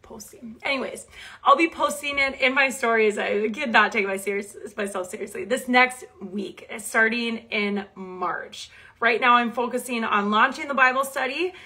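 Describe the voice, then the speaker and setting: A woman's voice: fairly high pitch, moderate pace, pushed and bright. A young woman with a Minnesota accent hosting a live stream, chatting enthusiastically, reading viewer comments aloud and leading a spoken prayer. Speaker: Bible teacher and author hosting a live stream.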